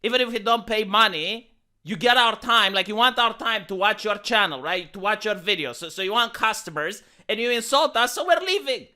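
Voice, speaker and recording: A man's voice: sits high, animated, fairly quick, sharp tone. A YouTuber man ranting in sarcastic, indignant commentary, often repeating words as he gets worked up.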